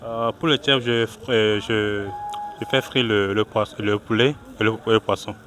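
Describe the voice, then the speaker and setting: Hesitant low-voiced man from Togo. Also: fairly even intonation, moderate pace, fairly bright tone, slight background noise. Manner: hesitant, many restarts and fillers. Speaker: cook and small restaurant owner. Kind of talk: casual interview answers. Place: outdoors at a street food stall in a city.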